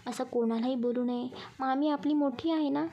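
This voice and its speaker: A woman voicing a calm, caring young woman who speaks gently and patiently. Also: sits high, moderate pace, muffled recording. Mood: gentle.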